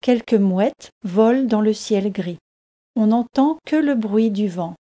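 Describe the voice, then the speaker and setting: A woman narrating a story for language learners in a calm, evenly paced, scripted reading. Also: mid-range voice, slow.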